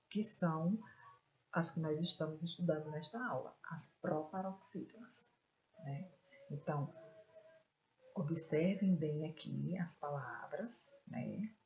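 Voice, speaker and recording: A woman teacher with a Brazilian Portuguese accent, giving a recorded video lesson to young pupils, slow and emphatic, sounding out stressed syllables. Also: fairly low pitch, dark tone, dull audio. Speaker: primary school teacher.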